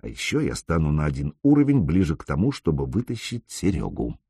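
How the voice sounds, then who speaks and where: Guy doing a chill confident young gamer dude, low soft voice, husky, dry sound. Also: wildly swooping pitch, brisk, no echo, full character voice. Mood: tender. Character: young male gamer, calm, self-assured, tender.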